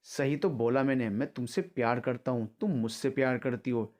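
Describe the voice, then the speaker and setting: A man's voice: medium pitch, moderate pace, darkish tone, close to an everyday voice. A man voicing a shameless young ex-lover in a storybook drama, smug and coaxing with a threatening edge.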